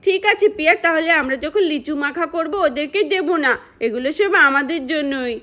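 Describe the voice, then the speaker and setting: A woman's voice: sits high, brisk, bright, forceful tone. A woman voicing an eager, greedy little girl in a doll-play story. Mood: gleeful. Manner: gleeful, eager.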